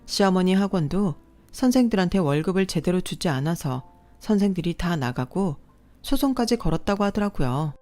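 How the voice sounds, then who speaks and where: A woman with a somewhat low voice narrates a first-person family drama story. She tells it in a steady, confiding way, with faint music playing underneath. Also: moderate pace.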